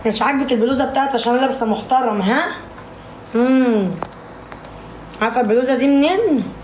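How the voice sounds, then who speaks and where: A woman's voice: sits high, fast talker, darkish tone, a little hiss or hum. A woman with an Egyptian Arabic accent chatting on a casual livestream, bickering and complaining at her viewers. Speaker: live streamer. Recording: echoey room.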